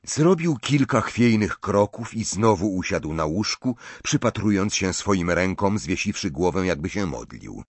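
A man reading an audiobook aloud in an expressive, dramatic storytelling manner. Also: low-pitched, measured pace, few pauses, breathy edge, dry recording. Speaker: audiobook narrator.

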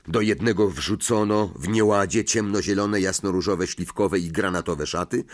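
A man narrating an audiobook in a steady storytelling read. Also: sits low, husky. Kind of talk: scripted narration.

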